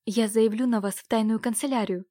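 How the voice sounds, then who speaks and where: A woman's voice: a little high, steady tone, fairly quick, warm tone, dry recording, studio quality, lightly acted. A woman voicing a stubborn, desperate eighteen-year-old noble girl who defies and then pleads with her uncle. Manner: defiant, pleading.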